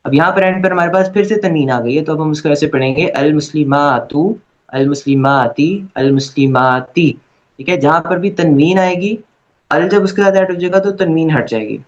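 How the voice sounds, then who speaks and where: Guy teaching a grammar class, kinda high voice, patient, keeps checking in, dull muffled recording. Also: brisk. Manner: patient, repeats "okay" to check understanding. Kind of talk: online class lecture.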